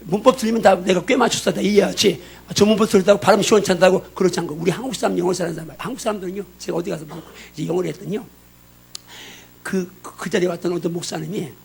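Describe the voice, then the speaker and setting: An older man preaching a sermon as a guest pastor, joking and chatty, then pressing his points with loud emphatic exhortation. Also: high voice, gravelly, a little hiss or hum. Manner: emphatic exhortation, rising in volume.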